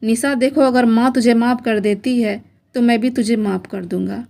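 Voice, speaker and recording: Calm young husband as a woman plays him, gentle, conciliatory, storybook. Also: on the high side, moderate pace, creaky.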